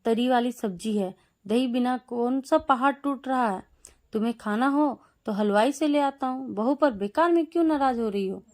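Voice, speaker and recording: A woman's voice: fairly high pitch, moderate pace, darkish tone, close to an everyday voice. A woman voicing an older father-in-law in a told story, speaking in an exasperated, grumbling way.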